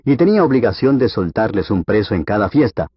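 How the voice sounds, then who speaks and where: A man with a low, husky voice reads scripture aloud as an audiobook at a steady, measured pace. The recording is dry and dull with a lo-fi edge.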